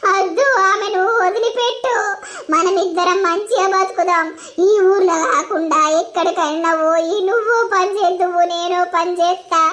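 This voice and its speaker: A woman's voice: extremely high pitch, normal speed, fairly bright tone. A woman voicing a young village wife in a cartoon, pleading and sobbing in a Telangana Telugu accent. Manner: begging, sobbing delivery. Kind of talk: cartoon voice acting.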